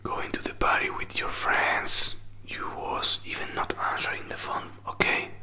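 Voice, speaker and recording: A man in his twenties in a whispered role-play, playing a hurt, jealous boyfriend who pleads haltingly in breathy, non-native English, close to the microphone. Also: bright, forceful tone. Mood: jealous, insistent. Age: 20s. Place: small indoor room. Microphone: close desk microphone with furry windscreen.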